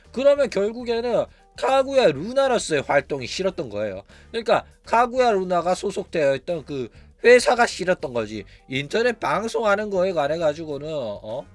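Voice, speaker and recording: A man's voice: sits high, no echo. A man hosting a casual commentary channel, talking bluntly and animatedly with frequent rhetorical asides. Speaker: VTuber news channel host.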